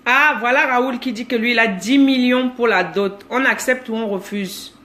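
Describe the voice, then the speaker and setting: A woman's voice: on the high side, normal speed, sharp tone. A woman in her thirties with a Cameroonian accent, chatting casually on a live stream, greeting viewers by name and teasing them. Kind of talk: casual live-stream chat reading comments.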